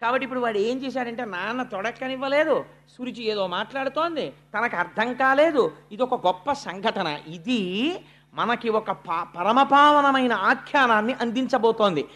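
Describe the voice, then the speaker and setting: Devotional storyteller, slows right down for emphasis then rushes ahead, chants verses in between. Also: medium pitch. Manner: expressive, shifting between slow emphasis and quick narration, chanting verse. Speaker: religious discourse speaker.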